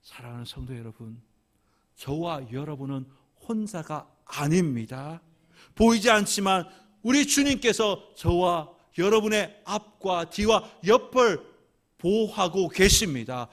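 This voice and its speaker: A man preaching a Sunday sermon as senior pastor in a church, swinging from hushed whispers to loud, emphatic climaxes with rhythmic repetition. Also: high voice. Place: church sanctuary.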